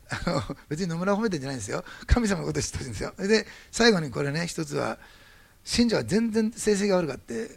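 A man preaching a sermon, his voice heavily gravelly and husky. He speaks fast, with wide swings of pitch as he acts out the people in his anecdote before turning to prayer. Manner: lively storytelling, acting out quoted dialogue. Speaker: pastor.

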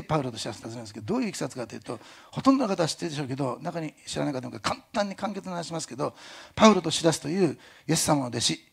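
Man with Kyushu dialect touches, pastor delivering a sermon, fairly high, husky and gravelly. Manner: animated, jokey asides, imitates other pastors.

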